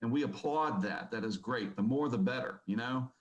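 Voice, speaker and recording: A man's voice: medium pitch, normal speed, highs cut off. A man speaking at a conference, telling a story in a casual, rambling way with many fillers. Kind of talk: presentation talk. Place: conference hall.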